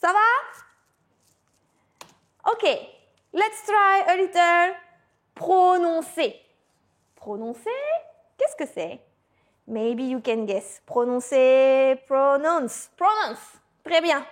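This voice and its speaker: Lady teaching basics, super slow and singsongy, playful. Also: extremely high pitch, expressive, a bit bright. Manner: slow, exaggerated pronunciation with playful asides. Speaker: French teacher. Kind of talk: language lesson mixing French and English.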